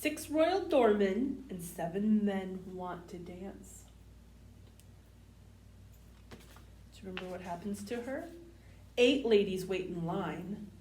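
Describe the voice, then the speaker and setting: At a slow pace with long pauses, a woman with a dark-toned, mid-range voice reads to young children expressively. She hosts their storytime, putting simple questions to the kids between picture books. The recording is roomy and distant, carrying faint background noise.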